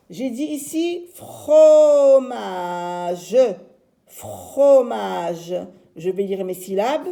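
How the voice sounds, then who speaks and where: Slow patient woman teaching children. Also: mid-range voice, vocal fry, warm tone. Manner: slow, patient, spells out syllables. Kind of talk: reading lesson for young children.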